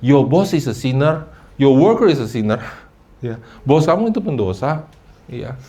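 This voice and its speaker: Preaching at a moderate pace, this man keeps his sermon lively and conversational. He mixes in English phrases and mimics people's excuses in a higher-pitched voice.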